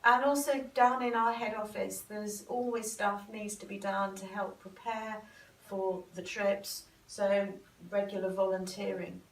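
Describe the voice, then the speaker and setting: Gravelly-voiced woman dentist, echoey room. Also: mid-range voice, steady tone, measured pace. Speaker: dentist guest. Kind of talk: sofa interview. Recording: echoey room, mic far off.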